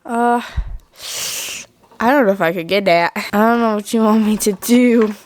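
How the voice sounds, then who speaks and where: A woman voicing a calm, helpful mom doll in doll pretend play, talking gently and without hurry. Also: fairly high pitch, moderate pace, dry recording, natural voice. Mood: alarmed.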